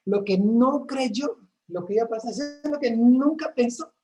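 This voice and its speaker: A woman with a warm, higher-pitched voice speaks at a moderate pace on a rough recording. She's from a church ministry and earnestly tells stories of her faith in a casual chat, often restarting her sentences.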